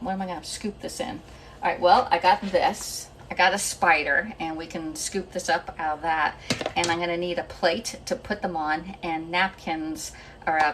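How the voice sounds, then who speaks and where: A woman's voice: fairly low pitch, a bit bright, slight background noise. Chatty woman. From Northeast Pennsylvania. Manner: chatty, greets viewers by name, rambling asides. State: a little out of breath. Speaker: home cooking livestream host. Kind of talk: casual live cooking stream. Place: home kitchen, indoors. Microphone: phone camera.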